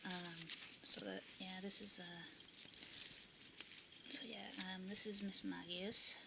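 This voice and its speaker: A woman's voice: medium pitch, slow pace, vocal fry. A woman casually showing her sketchbook art, rambling with many ums and restarts and often dropping to a half-whisper. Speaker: art vlogger. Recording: steady background noise.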